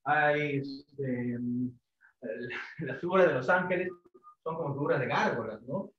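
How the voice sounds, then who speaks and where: A man's voice: medium pitch, a little slow. Man lecturing in an echoey classroom. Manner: repetitive, rhetorical "¿no?" tags, many fillers. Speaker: literature teacher. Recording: echoey classroom, dull lo-fi sound.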